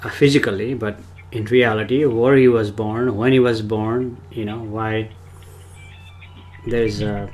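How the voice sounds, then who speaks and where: A man's voice: fairly low pitch, steady tone, a little slow, darkish tone. Rambling man. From Nepal. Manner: rambling, talks of himself in the third person. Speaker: spiritual teacher. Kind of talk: casual livestream talk.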